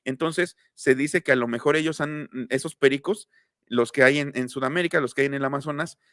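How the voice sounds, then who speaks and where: A man's voice: mid-range voice, brisk, a bit bright, no room sound, clean studio sound. A man giving a casual live-streamed phonetics lesson, chatting and greeting viewers as he explains. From Mexico. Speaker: linguistics teacher.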